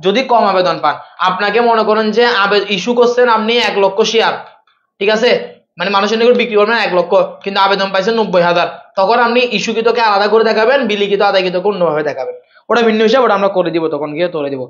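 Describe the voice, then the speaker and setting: A young man from Chittagong with a Chittagonian accent, teaching accounting in a loud, playful way and answering chat questions during a live online class. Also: high voice, fast, echoey room, dull audio. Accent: Chittagonian Bengali. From Chittagong, Bangladesh.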